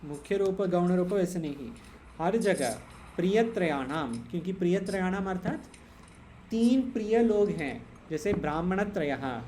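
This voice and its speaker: A man's voice: sits high, lively intonation, measured pace, warm tone, a little hiss or hum. A man teaching Sanskrit grammar in an online class, patient and explaining step by step, slipping into English.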